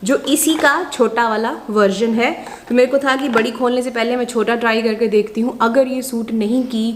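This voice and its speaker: A woman chatting casually through a beauty product haul, mixing in English phrases and pausing often with filler sounds. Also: a little high, fairly even intonation. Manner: mixes Hindi and English, many filler sounds. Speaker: beauty vlogger.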